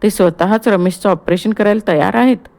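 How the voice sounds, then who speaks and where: A woman's voice: medium pitch, normal speed, a little mellow, lightly acted. Woman voicing a bitter, distraught young wife. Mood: startled. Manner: curt and bitter. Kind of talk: audiobook play reading.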